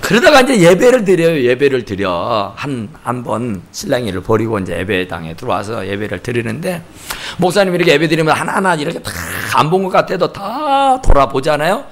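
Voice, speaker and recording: A male pastor preaching a sermon in a church sanctuary, telling stories in an animated way and acting out the people in them. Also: medium pitch, a little fast. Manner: animated storytelling, acting out quotes.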